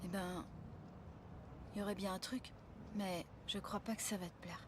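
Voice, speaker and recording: A woman's voice: medium pitch, flat delivery, noisy background, close to an everyday voice. A woman playing an impulsive teenage girl in love, in a dubbed film scene. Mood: sheepish. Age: teens. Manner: impulsive, quick to flare up. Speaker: high school girlfriend.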